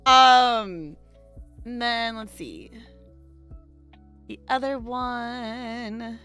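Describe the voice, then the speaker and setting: Speaking extremely slowly, a woman runs a livestream, chatting casually with viewers and rambling as she thinks aloud. Her fairly high voice has a sharp tone, with soft music in the background.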